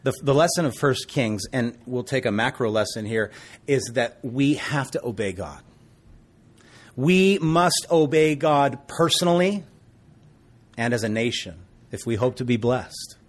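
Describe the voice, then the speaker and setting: A man's voice: mid-range voice, lively intonation, a little slow. A man preaching a sermon as pastor, telling stories in an earnest, folksy, conversational way.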